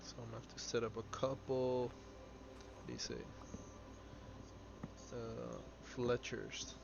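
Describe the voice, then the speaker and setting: In this lo-fi stream, a young man in his twenties rambles and chats casually while playing a game, answering viewer questions aloud in a halting way. His medium-pitched voice is very animated and creaky, and the dull audio carries noise.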